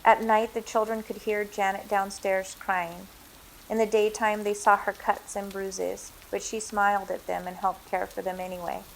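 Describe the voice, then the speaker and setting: A woman reading her own novel aloud in a measured, dramatic narration. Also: mid-range voice, flat delivery, vocal fry, slight background noise. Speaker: author reading her book. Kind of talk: storybook reading.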